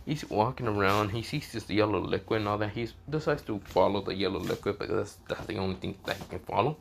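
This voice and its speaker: Coughing through illness, a man with a fairly low, gravelly voice rambles haltingly through a fan fiction story. He keeps restarting with "this is where, well," over a little hiss or hum.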